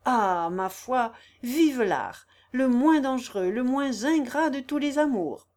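A woman's voice: a little high, lively intonation, unhurried, a little mellow. A woman reading the part of a shy, eager young male musician, speaking with ardent emotion. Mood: delighted.

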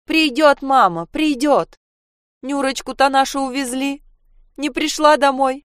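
Woman doing a frail old granny, high and slow. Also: no echo, studio quality. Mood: consoling. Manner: slow, pleading, soothing. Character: frail, bald, deaf old woman, tender but fierce.

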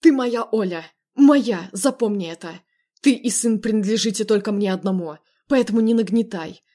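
A woman's voice: mid-range voice, normal speed, lightly acted. A woman doing a possessive, domineering man. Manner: loud, commanding, menacing.

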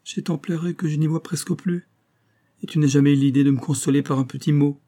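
A man's voice: medium pitch, steady tone, fairly quick, dark tone, breathy edge, lightly acted. A man reading an audiobook, voicing a meek, doting old female servant who pleads in a raised voice. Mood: tearful.

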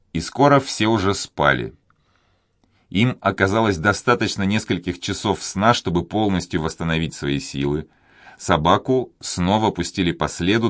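Low-voiced man reading an adventure novel. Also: fairly bright tone, dry recording, studio quality. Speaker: audiobook reader. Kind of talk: scripted narration.

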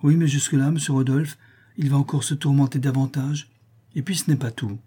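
Male reader doing a plaintive young Parisian working girl, mellow and husky. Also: fairly even intonation, a little fast, natural voice. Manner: tender, plaintive, lifting into a higher voice. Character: young working Parisian woman, sweet and worried. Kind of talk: audiobook character reading.

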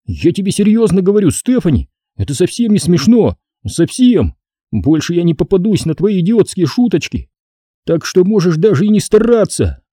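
A jumpy, easily rattled boy, as a man reading a storybook puts him on. He sounds flustered and indignant, with his voice raised higher than the narration. The tone is dark and husky. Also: very animated, a little slow, few pauses, no echo, clean studio sound, full character voice.

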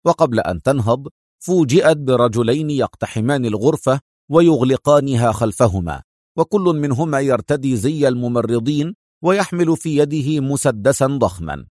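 A male narrator reading an action thriller with vivid storytelling. His voice sits at a medium pitch. The recording is dry and close to the mic. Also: animated, moderate pace, a little mellow, no room sound. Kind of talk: dramatic audiobook narration.

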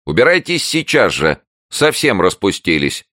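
A man voicing a shrill, frightened old woman neighbor who scolds loudly from behind her door in an audiobook. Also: very animated, moderate pace, no echo, clean studio sound. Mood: scolding. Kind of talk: audiobook character voice.

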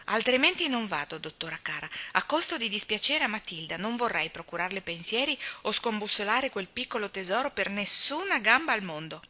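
A woman's voice: animated, a little fast, hardly any pauses, sharp tone. A woman voicing a fussy, dramatic older housekeeper who laments her troubles. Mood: fretful. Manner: lamenting, raised pitch.

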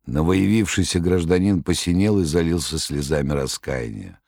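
A man narrating an audiobook in a measured storytelling manner. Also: deep voice, vocal fry, a little mellow, no echo, clean studio sound.

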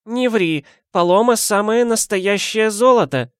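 Man doing a high old woman's voice, stern, scolding, sharp-tongued, dry. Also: a little slow, clear, resonant tone, no echo. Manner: scolding, warning.

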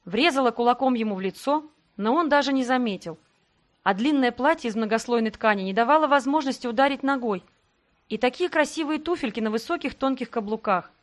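Female audiobook narrator, dramatic first-person reading, slightly high voice. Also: expressive, fairly quick.

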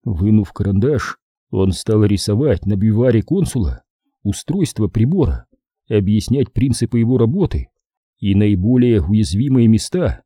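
A man narrating an audiobook in measured storytelling, voicing the characters. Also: lowish voice, lively intonation, warm tone, husky, dry recording, studio quality. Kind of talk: scripted narration.

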